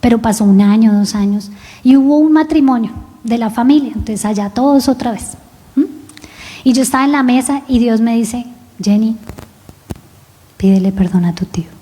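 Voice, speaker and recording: Woman preacher, lively storyteller, mellow tone, long hall reverb. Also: fairly high pitch, brisk. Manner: storytelling, lively and self-mocking. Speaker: pastor. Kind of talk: sermon. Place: church service in a rented hall.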